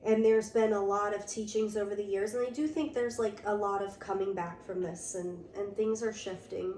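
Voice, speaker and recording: Slightly hoarse woman in an echoey room. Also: medium pitch, fairly even intonation, moderate pace, warm tone. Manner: reflective, earnest, frequent "like" fillers. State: slightly hoarse from a sore throat. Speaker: podcast co-host. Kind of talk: casual conversational chat. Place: room with door open to rain. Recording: roomy echo, mic at a distance, faint background noise.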